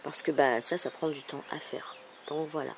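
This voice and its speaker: A woman with a thick, swollen-tonsils sore-throat voice, speaking softly and casually as she presents a craft project. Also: deep voice, fairly even intonation, moderate pace. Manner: soft-spoken, holding back volume. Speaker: craft video maker presenting an album. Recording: clearly noisy background ambience.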